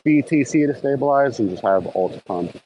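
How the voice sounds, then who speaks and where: A man's voice: medium pitch, expressive, normal speed, slightly rough, highs cut off. A man in a casual online audio chat who makes short, offhand remarks.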